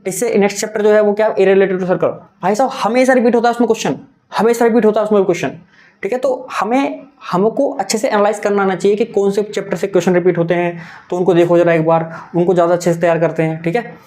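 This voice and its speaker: A man's voice: high voice, steady tone, fast, darkish tone. A young adult man teaching a maths exam-prep lesson, talking in a coaxing, repetitive way and mixing in English terms.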